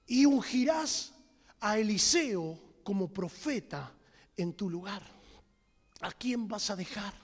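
A man preaching a sermon with passion, shouting for emphasis and telling humorous stories. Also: sits high, animated, slow pace. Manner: impassioned, bursts into shouted emphasis; tells humorous stories to the congregation. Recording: long hall reverb.

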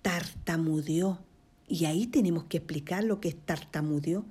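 Una mujer que lee un cuento infantil en voz alta, con pausas para dar consejos a los padres y susurros para crear suspenso. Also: female voice, sits low, breathy edge. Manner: expressive, switching to whispers for suspense. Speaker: storyteller for children. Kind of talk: reading a children's story aloud with tips for parents.

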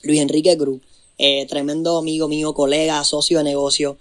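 A man's voice: a little high, little pitch movement, a little fast, fairly bright tone. A young man with a Puerto Rican accent, telling his story as a guest on a podcast in an earnest, motivational way, slipping English words into his talk. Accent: Puerto Rican Spanish. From Puerto Rico. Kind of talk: emotional storytelling in a podcast interview.

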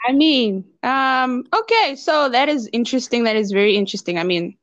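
A woman's voice: fairly high pitch, animated, a bit bright, dry recording, dull audio. A woman hosting an interview show, bubbly and enthusiastic in casual chat. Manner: bubbly, enthusiastic, quick to laugh. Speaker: host.

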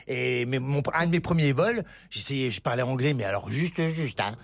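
A man on a radio panel telling a comic story from his flying days, halting with many fillers. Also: mid-range voice. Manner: hesitant storyteller, full of "euh". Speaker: panelist, former flight attendant.

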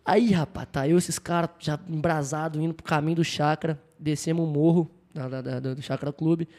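A man's voice: fairly high pitch, brisk. A young man, boastfully telling stories in casual chat with friends. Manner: boastful, animated storyteller. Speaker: podcast co-host telling stories. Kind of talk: casual storytelling among friends.

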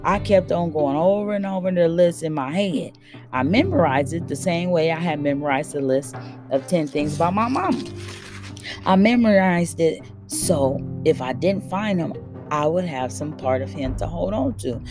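A woman reading a children's novel aloud in a steady, plain storytelling manner. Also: on the low side, moderate pace, music in the background. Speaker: audiobook reader.

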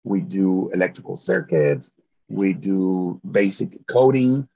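A man's voice: deep voice, slow pace, vocal fry, mellow. A middle-aged man from Mexico with a Mexican Spanish accent, chatting with enthusiasm as a guest in an interview and often repeating words as he starts a thought. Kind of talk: casual interview chat. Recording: dull lo-fi sound.

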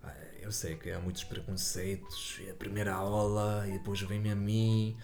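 A man's voice: lowish voice, little pitch movement, moderate pace, darkish tone, faint music behind. A man from Germany with a German accent, chatting casually as a guest, hesitantly searching for words. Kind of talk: casual chat.

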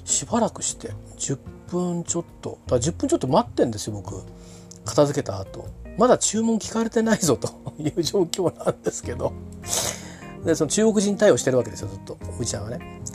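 A man's voice: on the high side, big pitch swings, quick pace, a little mellow, faint music behind. A man telling a casual anecdote in a rambling way, full of fillers and restarts.

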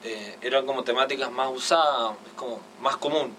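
A young man with an Argentine accent, chatting excitedly and casually, full of slang and fillers. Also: medium pitch. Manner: fast, excited, heavy slang, constant fillers. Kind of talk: casual chat. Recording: distant mic with faint noise.

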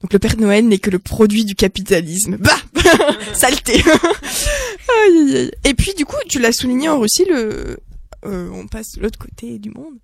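A woman chatting casually in a group talk, lively and exclamatory, with many fillers. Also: fairly high pitch, moderate pace, creaky, husky, dry recording.

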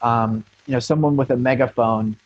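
An American marketing consultant talks frankly and rambles in a casual interview, with many restarts and fillers. His mid-range voice is steady with a breathy edge at normal speed. The audio is dull, with no echo.

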